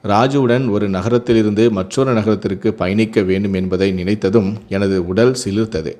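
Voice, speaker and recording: A man's voice: fairly low pitch, fairly even intonation, normal speed, a little mellow. A man narrating a scripted first-person family story, reading steadily with occasional self-corrections.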